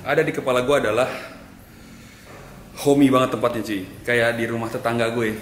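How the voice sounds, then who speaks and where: This young adult man, accented from Jakarta, talks casually to a handheld camera at arm's length like a chummy, slangy vlogger. His mid-range voice is steady and a little fast, with slight background noise.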